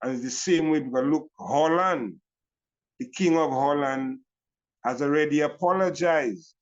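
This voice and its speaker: A man's voice: a little high, measured pace, highs cut off. An older man with a Caribbean accent speaks as a Rastafari elder in a reflective reasoning style, repeating phrases and punctuating them with "you know".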